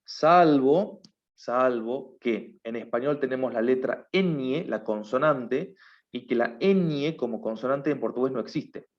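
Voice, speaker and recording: A man's voice: mid-range voice, unhurried. Patient male teacher, dull lo-fi sound. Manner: explains patiently, often checks with a questioning "right?". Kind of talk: online class lecture.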